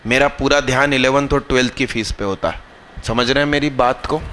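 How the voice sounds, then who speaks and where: A man teaching math live to a class, quizzing students, drilling terms slowly and scolding anyone not paying attention. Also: medium pitch, fairly even intonation, fairly bright tone, slight background noise. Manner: scolding, teasing students mid-lesson.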